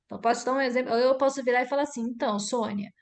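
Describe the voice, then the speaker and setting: A woman leads an online group mentoring session, her voice sitting fairly high. She talks in a lively way and acts out sample conversations. She comes through a video call. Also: rapid-fire. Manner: lively, acts out example dialogues. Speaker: workshop mentor.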